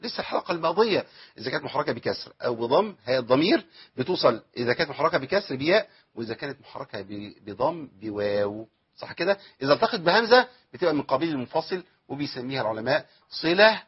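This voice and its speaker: A man's voice: mid-range voice, sing-song, fast, husky, dull audio. A man with an Egyptian accent teaching Quran recitation rules, asking questions and answering them himself, and stretching out the recited verses. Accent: Egyptian Arabic. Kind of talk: tajweed lesson with recited examples.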